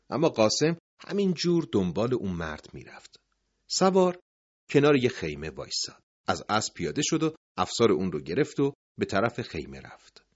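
In a slightly rough, fairly low voice, a man tells a dramatic tale from a storybook, letting his pitch roam widely and falling into hushed tones at the close of each sentence. The audio is somewhat dull and lo-fi.

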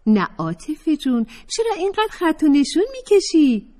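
A woman's voice: sits high, very animated, dark tone, pitched above the performer's own voice. A woman narrator voicing a friendly young woman student who talks in a confiding, gossipy way.

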